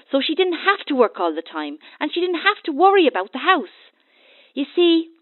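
A woman's voice: high voice, no echo, narrow, tinny audio. A woman playing a cheeky, loving young boy with an Irish accent, telling his story earnestly and playfully in a children's radio drama.

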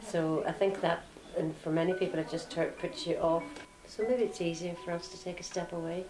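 A woman's voice: on the low side, level tone, fairly quick, noisy background. Northern Irish woman in an echoey space. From north of Ireland. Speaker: interviewee. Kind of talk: reflective conversation. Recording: roomy echo, music behind.

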